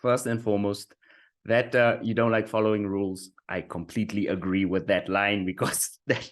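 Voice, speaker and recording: In a relaxed marketing interview he hosts, a man hypes up his guest in an upbeat way, repeatedly stumbling over what he says. His voice is on the low side, and he speaks at a normal speed with a flat delivery.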